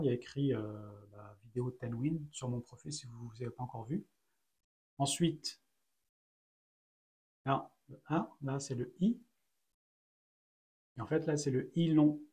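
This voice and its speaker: A man teaching a beginner language lesson, taking it very slowly and patiently. His voice is warm and mellow, and he breaks each word down sound by sound with plenty of fillers along the way. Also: medium pitch. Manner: patient, explains letter by letter with many fillers. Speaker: Arabic teacher. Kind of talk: slow step-by-step lesson.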